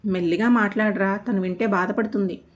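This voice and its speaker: A woman voicing a doting middle-aged mother who explains things patiently and softly in a storybook reading. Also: medium pitch, steady tone, a little fast, lightly acted. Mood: soothing.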